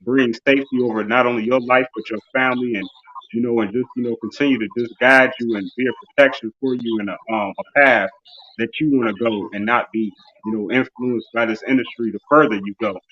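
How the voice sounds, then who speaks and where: Closing out his casual live-stream interview show, a forties-aged host speaks briskly at a medium pitch with fairly even intonation. He wanders loosely through the sign-off, full of "um" and "you know," over dull-sounding audio.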